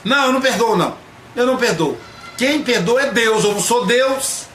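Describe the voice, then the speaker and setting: A man's voice: very high-pitched, lively intonation, moderate pace, crowd noise, pitched above the performer's own voice. A man doing a stubborn, defiant relative. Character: stubborn grudge-holding relative who refuses to forgive. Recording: echoey room, faint noise.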